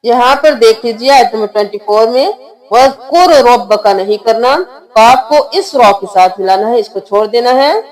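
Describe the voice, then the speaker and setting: High-voiced woman teaching recitation. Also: rough recording. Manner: quick spelled-out explanations alternating with slow drawn-out melodic recitation. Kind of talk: tajweed lesson, explaining then reciting slowly.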